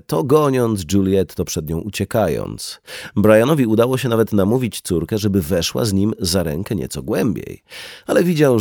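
A man reading a novel aloud as narrator, in an even, measured storytelling manner. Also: fairly low pitch, no room sound, studio quality. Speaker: audiobook narrator. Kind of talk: scripted narration.

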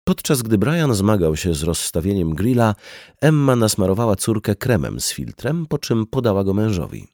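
Deep-voiced male audiobook narrator. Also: big pitch swings, moderate pace, darkish tone, no room sound, clean studio sound. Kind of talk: scripted narration.

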